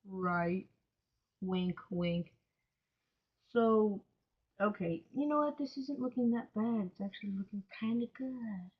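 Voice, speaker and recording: A woman's voice: mid-range voice, slow, long pauses, breathy edge. A woman giving casual, self-mocking commentary while she does a craft project, groaning dramatically now and then. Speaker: vlogger. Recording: dull, lo-fi home recording.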